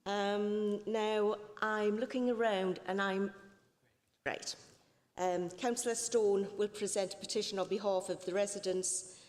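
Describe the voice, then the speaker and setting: A woman chairs a city council meeting, reading out agenda items in a mid-pitched, everyday voice. Her speech echoes with a long reverb from the council chamber. She apologises now and then for small slips. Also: fairly even intonation, a little slow, darkish tone.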